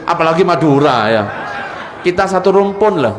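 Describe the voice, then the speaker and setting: A man's voice: a little high, lively intonation, normal speed, a loud crowd. A young man preaching a humorous religious sermon, teasing his audience with questions. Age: young adult. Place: large hall with a live audience. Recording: echoey hall with audience laughter.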